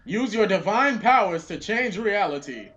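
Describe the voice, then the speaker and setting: A man's voice: high-pitched, animated, normal speed, fairly bright tone, highs cut off. A young man co-hosting a casual podcast, wry and teasing, playing at being offended. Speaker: podcast co-host.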